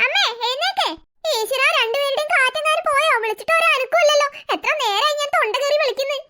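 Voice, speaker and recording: A voice actor playing a harried, sharp-tongued mother who complains and bosses her husband around. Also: extremely high pitch, fast. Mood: alarmed. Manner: complaining, bossy. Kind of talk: cartoon voice acting.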